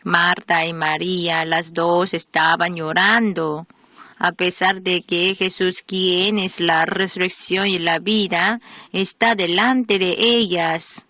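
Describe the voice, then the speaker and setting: A woman reading a sermon as a voice-over in a steady, measured preaching manner. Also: fairly low pitch, no echo. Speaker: voice-over reader of a translated sermon.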